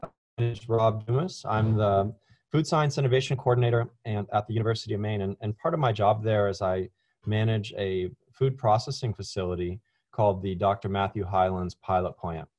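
A man's voice: lowish voice, steady tone, fairly quick, a little mellow, no echo. A man from Louisiana giving a casual online webinar talk as a university food science presenter, with frequent ums and restarts. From Louisiana, USA. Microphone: video call.

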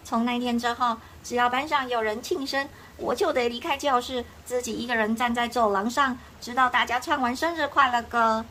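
A woman's voice: a little high, steady tone, a little fast, hardly any pauses, sharp tone, slight background noise. Woman reading to a child as a sheepish old great-grandmother. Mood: reminiscing. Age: elderly.

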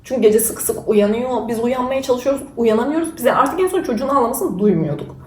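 A woman's voice: fairly high pitch, expressive, fairly quick. A young woman vlogger, candid and self-mocking as she casually tells her own story. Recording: roomy sound from a distance.

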